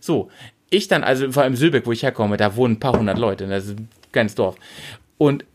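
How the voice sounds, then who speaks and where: A young man from Lower Saxony, telling a long anecdote in casual chat and acting out the quotes. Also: brisk, noisy background. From Lower Saxony, Germany. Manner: animated anecdote-telling, acting out quotes with big pitch jumps. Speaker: storyteller.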